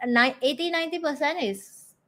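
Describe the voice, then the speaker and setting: Vietnamese-accented woman speaking halting English. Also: high voice, fairly bright tone. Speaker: co-host. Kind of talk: casual livestream chat.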